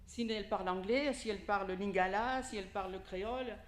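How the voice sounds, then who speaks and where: A fast, mid-range female voice sounds reverberant as an Italian lay preacher, a native speaker of Italian, delivers an informal sermon. During the church hall service she chats with the congregation, posing questions and adding asides.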